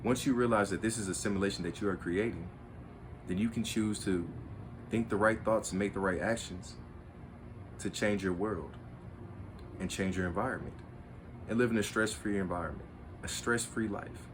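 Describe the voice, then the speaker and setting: A man's voice: on the low side, normal speed, pauses often, background noise. A man hosting his own spiritual video, lecturing in an earnest, repetitive, preachy way. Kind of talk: monologue to camera.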